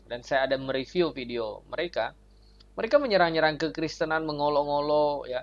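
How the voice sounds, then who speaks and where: A man's voice: on the high side, fairly quick. A man hosting his channel as an evangelist, commenting earnestly on a video and leaning on tag fillers. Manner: earnest, leans on tag fillers like ya and gitu loh. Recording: dull lo-fi sound.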